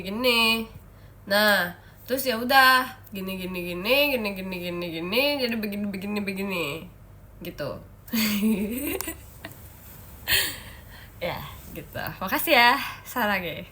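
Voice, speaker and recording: A woman's voice: medium pitch, bright, forceful tone, slight background noise. A young woman hosting a casual livestream chat, playful and giggly, teasing her viewers while sick with a cough and a stuffy nose. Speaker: idol livestream host.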